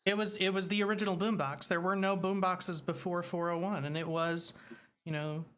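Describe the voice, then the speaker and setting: A co-host on a casual livestream chat, talkative and quick to add corrections, with lots of fillers. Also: mid-range voice, little pitch movement, fairly bright tone, a little hiss or hum. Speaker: co-host and show editor.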